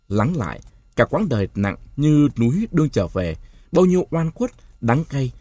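Male audiobook narrator, husky, lively pitch, dramatic delivery. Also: no room sound, clean studio sound. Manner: expressive, dramatic storytelling.

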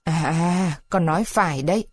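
Woman doing gruff, gentle old Papa Carlo. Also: normal speed, no room sound. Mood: gentle fatherly. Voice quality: lowered gruff voice. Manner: soft and mumbling. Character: kindly poor old father, gruff and gentle. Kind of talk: storybook read-aloud.

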